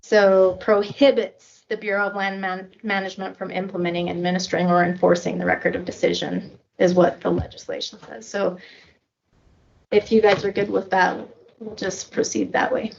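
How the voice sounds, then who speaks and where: A woman reporting to a county board at a public meeting, measured and a little halting. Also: medium pitch, level tone, gravelly. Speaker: county staff member reporting to commissioners. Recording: dull meeting room audio with faint noise.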